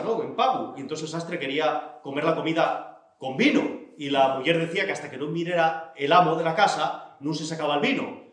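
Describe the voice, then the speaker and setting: A man telling a traditional folk tale in a lively, animated way, acting out the characters, in a very echoey room. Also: a little high. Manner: lively, acts out characters, laughs along. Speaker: storyteller.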